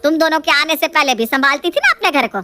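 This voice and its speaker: A woman's voice: sits high, animated, quick pace, background noise. A woman playing a stubborn older mother-in-law who scolds in a storybook reading. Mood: scolding.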